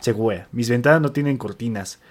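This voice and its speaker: A man's voice: mid-range voice, a little fast. A man with a Mexican accent, reading posts aloud to a friend in casual chat with slangy asides and restarts. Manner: relaxed, slangy, reads with restarts.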